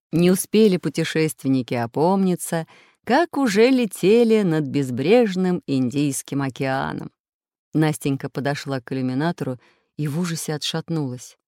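A man narrating a children's adventure audiobook with expressive storytelling. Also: fairly high pitch, dry recording, clean studio sound.

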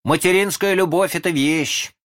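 A man voicing an eager, excitable little lost boy in a high, squealing voice. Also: normal speed. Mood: excited.

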